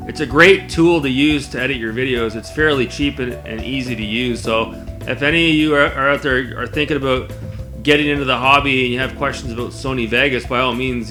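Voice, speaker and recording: A man's voice: mid-range voice, pushed and bright. A man talking casually to camera as a video blogger, in a conversational, rambling way. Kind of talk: casual spoken vlog to camera.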